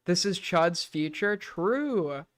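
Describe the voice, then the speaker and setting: Slow yet animated, this man's high, fairly bright voice comes through a dry recording. He's in his 20s, casually chatting on a late-night stream, meandering, cursing a lot and stuffing his talk with "like".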